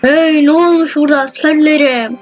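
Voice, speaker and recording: Bossy king, a woman putting it on, high-pitched, faint music behind. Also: steady tone, moderate pace, lo-fi sound, lightly acted. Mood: stern. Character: stern male king scolding his soldiers.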